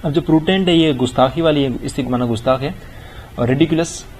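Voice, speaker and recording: A middle-aged man teaching an English grammar lesson, reading example sentences slowly and deliberately. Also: fairly high pitch, darkish tone, slight background noise. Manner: explains in Urdu-leaning Hindi, reads English examples slowly and deliberately. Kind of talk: recorded grammar lecture.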